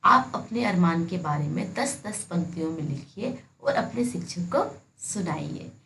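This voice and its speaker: A woman's voice: lowish voice, animated, measured pace, creaky, a bit bright. A woman teacher explaining a textbook lesson to students, patiently addressing them directly. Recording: echoey room with faint noise.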